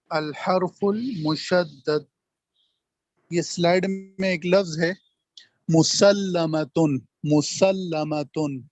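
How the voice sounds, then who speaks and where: A man leads an online grammar lesson over a video call, saying each term slowly and repeating it. His voice sits a little high, and the audio is dull and dry, like a call through a computer mic. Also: a little mellow, dry recording. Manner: slow, repeats terms and drills examples. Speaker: Arabic grammar teacher.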